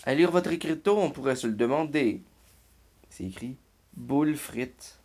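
A man reading a children's picture book aloud in a slow, expressive storytelling manner. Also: medium pitch, breathy edge. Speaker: reader.

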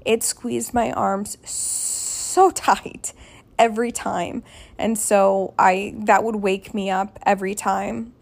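A woman's voice: mid-range voice, little pitch movement, slow pace, vocal fry. A woman podcast host casually telling a candid personal story, chatty and rambling, restarting her sentences as she goes.

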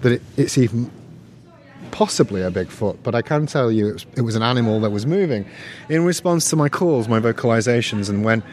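A man's voice: mid-range voice, animated, fairly quick, darkish tone. A man, a guest on an interview show, telling long stories with many restarts and easy laughs. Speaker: guest, researcher. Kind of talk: casual interview chat.

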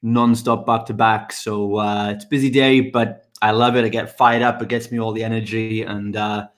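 A middle-aged man from the UK, talking in an upbeat, energetic way as a guest on a podcast interview. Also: fairly low pitch. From United Kingdom. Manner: energetic, upbeat, quick answers. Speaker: guest, fitness business mentor.

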